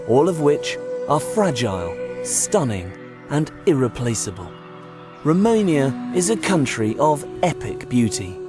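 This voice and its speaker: Lively documentary narrator over music. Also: male voice, fairly high pitch. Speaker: documentary presenter. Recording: music bed under narration.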